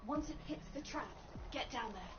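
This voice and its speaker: A woman voicing a brisk, gruff mission handler in a video game, giving terse slangy orders. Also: sits high, animated, heavy background noise. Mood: commanding. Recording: dull game audio over loud music.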